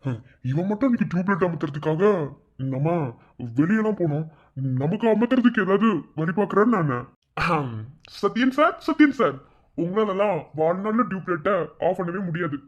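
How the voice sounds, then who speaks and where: A man's voice: high voice, fairly quick, highs cut off. A man voicing a teasing young man with a mocking, sarcastic way of talking.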